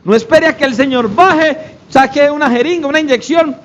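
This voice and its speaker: A man's voice: very high voice, moderate pace, highs cut off. A man pastor preaching a sermon, emphatic, throwing rhetorical questions at the congregation.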